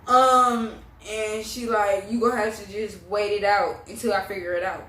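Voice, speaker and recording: A woman's voice: mid-range voice, steady tone, moderate pace, fairly bright tone. A young adult woman telling a personal story in casual, slangy, blunt vlog chat, swearing freely. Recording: roomy echo, distant mic, faint noise.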